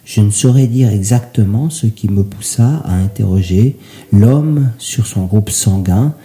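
A man's voice: on the low side, unhurried, mellow. A man narrating a story in a theatrical, ornate manner, sometimes dropping to a whisper.

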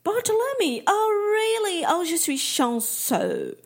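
A woman's voice: extremely high pitch, huge pitch swings, slow pace, pitched above the performer's own voice, heavily acted. A woman voicing a small, cheerful, red-haired man with an English accent who is polite and eager and drops English words into his French.

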